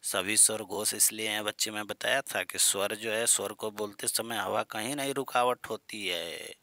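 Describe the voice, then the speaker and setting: A man's voice: lowish voice, moderate pace, pushed and bright, dry recording. A man teaching Hindi grammar in an online exam-prep lesson. He asks his students questions and repeats the key terms, with playful jokes and mild scolding.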